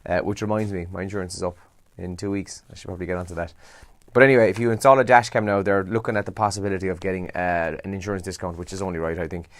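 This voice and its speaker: A breakfast radio host with a Kerry accent runs through the morning papers in a relaxed, chatty way, full of asides and rhetorical questions. His low voice comes out rapid-fire with fairly even intonation. The studio recording is clean and free of echo.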